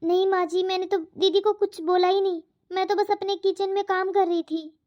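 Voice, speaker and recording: A patient, submissive young daughter-in-law in a cartoon, voiced by a woman, polite and pleading in a very high voice. The audio is dull. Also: fairly even intonation, moderate pace. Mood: meek. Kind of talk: cartoon voice acting.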